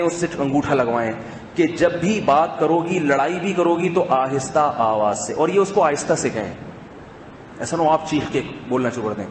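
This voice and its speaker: A man delivering a conversational sermon in a mosque, asking rhetorical questions and swinging between loud stress and hushed asides. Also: a little high. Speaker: preacher. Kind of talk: sermon in Urdu. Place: mosque hall. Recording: echoey mosque hall, faint noise.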